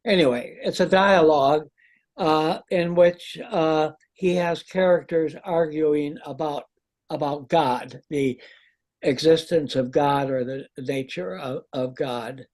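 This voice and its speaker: A man leading a seminar discussion, wry and halting, with many restarts. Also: fairly high pitch, darkish tone. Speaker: discussion leader.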